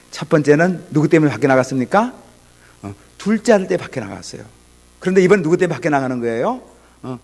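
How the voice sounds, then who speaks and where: A man preaching an afternoon sermon as a pastor, acting out the characters' lines with big swings between loud and quiet. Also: medium pitch, husky. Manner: acts out the father and son in dialogue, swinging from loud to hushed.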